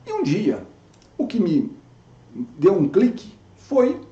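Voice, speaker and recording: A man in his fifties speaks as a dermatologist recounting his own experience, often restarting his sentences. His voice is high and mellow. The sound is dull and echoey, as if from a bare room. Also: huge pitch swings, takes it slowly. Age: 50s. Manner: chatty, self-correcting, frequent restarts. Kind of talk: personal story to camera.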